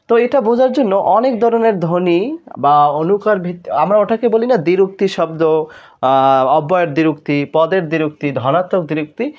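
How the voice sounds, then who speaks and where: A Bangladeshi Bengali tutor with a notably high voice works through exam questions step by step, stopping often to ask "right?" before moving on. The recording sounds dull and lo-fi, with a muffled top end. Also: male voice, darkish tone. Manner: explanatory, asks rhetorical questions and checks with "right?". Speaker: admission test tutor. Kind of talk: exam solution lesson.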